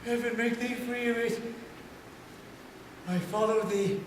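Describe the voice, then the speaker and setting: A man acting a dying, wounded young prince in theatrical Shakespearean style, anguished, halting and declamatory. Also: extremely high pitch, steady tone. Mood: fading, grave. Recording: echoey hall, distant mic, faint noise.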